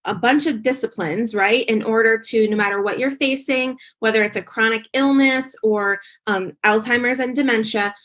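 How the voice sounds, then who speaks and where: A woman's voice: on the high side, a bit bright. A woman working as an occupational therapist, answering interview questions in an explanatory way with frequent fillers. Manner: explanatory, many um fillers, fast bursts.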